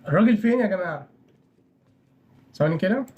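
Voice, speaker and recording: Fast-talking Egyptian young man. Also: sits high, animated, phone-quality sound. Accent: Egyptian Arabic. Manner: nervous, chatty, apologizing to characters. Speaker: gaming channel host. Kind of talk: horror game let's play commentary.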